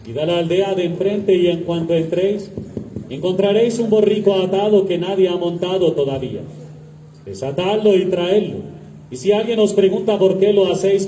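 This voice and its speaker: Solemn priest in cathedral echo. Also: male voice, high-pitched, mellow. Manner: measured, solemn delivery. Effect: cathedral-like echo, voice heard from a distance. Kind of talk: liturgical prayer and Gospel reading. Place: large church. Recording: echoey church from far off, faint hiss.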